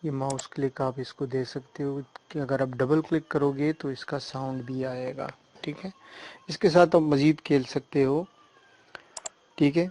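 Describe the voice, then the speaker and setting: A man giving a screen-recorded software tutorial, explaining step by step and often checking that the listener follows. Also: mid-range voice, fairly even intonation, slight background noise. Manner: hesitant fillers and restarts while working on screen.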